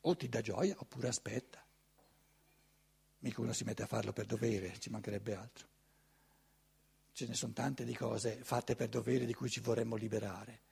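An older man giving a conference talk in a lecture hall, animated and conversational, often asking his audience rhetorical questions. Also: on the low side, moderate pace, gravelly, long pauses, husky.

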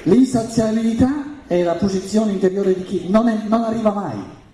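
A man's voice: high voice, animated, moderate pace, dark tone. A man, a native German speaker with a German accent in Italian, giving an emphatic spiritual lecture full of repetition and rhetorical questions. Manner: emphatic, repeats phrases and poses rhetorical questions. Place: indoor room with an audience. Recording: roomy, echoing live talk.

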